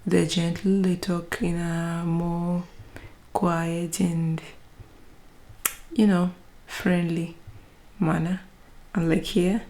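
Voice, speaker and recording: A young woman with a Kenyan accent chats to her viewers in a casual vlog. Her voice sits a little low, and she is lively, slipping now and then into whispered asides. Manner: chatty and animated, with frequent whispered asides. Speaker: vlogger. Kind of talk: casual vlog talk to camera.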